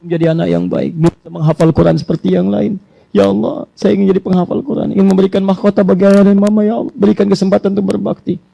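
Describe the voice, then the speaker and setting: A preacher acting out the youngest child of a family, praying earnestly to become a good child. The voice is gravelly, quick and slightly high, and the plea sounds sincere. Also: male voice, little pitch movement, dark tone, no echo, full character voice, poor audio.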